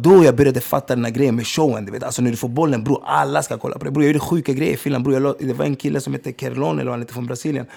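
A man's voice: mid-range voice, creaky, warm tone. A man, a former footballer telling streetwise stories in a casual interview, often checking that the listener follows. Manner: streetwise, repeats "förstår du vad jag menar". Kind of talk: casual storytelling.

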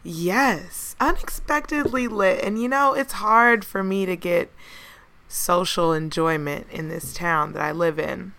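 An American woman co-hosting a casual podcast, telling stories in a candid, slangy way, her voice hoarse with a smoker's rasp. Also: on the low side, sharp tone. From United States. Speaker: podcast co-host. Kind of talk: casual chat and storytelling.

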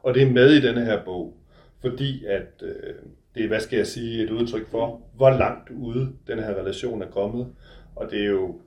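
A man's voice: medium pitch, a little mellow, echoey room. A man reading from his novel, then discussing it in a reflective, hesitant way. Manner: measured, reflective, hesitant with fillers when speaking freely. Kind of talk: literary reading, then interview talk.

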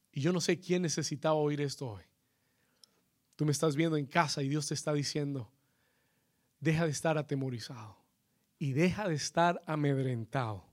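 A bilingual pastor, his voice sitting high for a man. He preaches with bursts of shouted emphasis and repeats each line in English. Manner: preaching with surging, shouted emphasis, then quieter and intimate. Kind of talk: bilingual sermon with self-translation.

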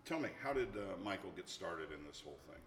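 A man hosting a casual interview podcast, chatty and quick to pile up repeated yeahs. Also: sits low, sing-song. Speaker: podcast host. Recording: echoey room, clear background noise.

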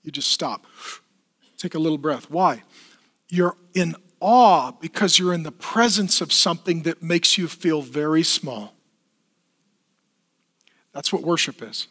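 A man with a fairly high voice preaches to his congregation in church. He keeps it lively, putting questions and quick asides to the people in front of him. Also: slightly rough. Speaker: pastor. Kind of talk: sermon.

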